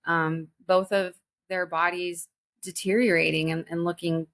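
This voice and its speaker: Earnest woman in her forties, lower-pitched. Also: little pitch movement, fairly bright tone. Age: 40s. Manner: earnest, halting, with many restarts. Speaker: guest, spiritual teacher. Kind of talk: personal story in a podcast interview.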